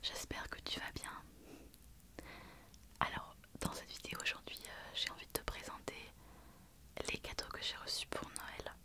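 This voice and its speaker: A woman with a head cold whispers softly through an ASMR show-and-tell, pausing often and using many fillers. She is an ASMR creator.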